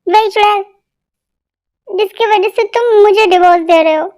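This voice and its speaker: In an amateur Hindi fan dub, a woman voices a dramatic, jealous young wife who whines and cries. Her extremely high-pitched, darkish-toned voice moves at a moderate pace and breaks into sobs and accusations.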